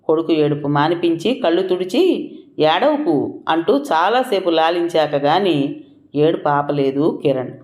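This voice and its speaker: A narrator reading a scripted audio story in a steady, expressive storytelling manner. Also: medium pitch, measured pace. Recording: roomy echoing room.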